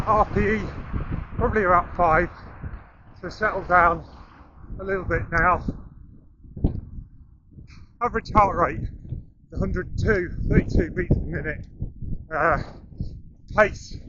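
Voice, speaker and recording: A middle-aged man giving vlog commentary while running outdoors, slightly out of breath, in short phrases. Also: sits high. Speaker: amateur runner filming a training run. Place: outdoors on coastal paths and residential streets. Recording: muffled outdoor camera audio with noise.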